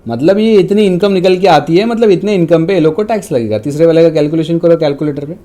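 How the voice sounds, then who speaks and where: A man's voice: a little high, quick pace, dark tone. A man with an Indian accent teaching an online tax lesson, mixing Hindi and English and repeating figures for dictation. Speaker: commerce tutor.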